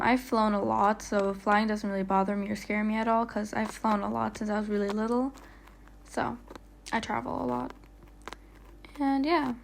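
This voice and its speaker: Her medium-pitched voice has a gravelly texture, with slight background noise behind it. This vlogger narrates a travel video as a voiceover rather than on location, rambling casually, using lots of fillers, and tripping over words now and then.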